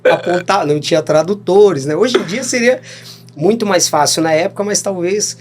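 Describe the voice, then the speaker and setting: Faint music runs behind a man whose voice sits high and whose pace is normal. He's a Brazilian in his thirties appearing as a podcast guest, rambling easily through stories in a casual interview, often adding "né?" and laughing along as he goes.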